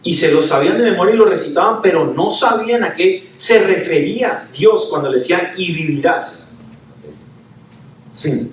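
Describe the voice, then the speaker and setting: A man's voice: high voice, expressive, a little fast, few pauses. A male pastor preaching a sermon, chatty and full of rhetorical questions. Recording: echoey room, from a distance.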